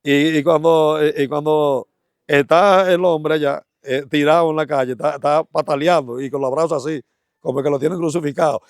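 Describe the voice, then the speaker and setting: A man telling a testimony as an evangelist, halting often and repeating words as he talks. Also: fairly high pitch, smooth, dry recording, studio quality. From Dominican Republic. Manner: halting, stammering repetitions, animated. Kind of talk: testimony storytelling.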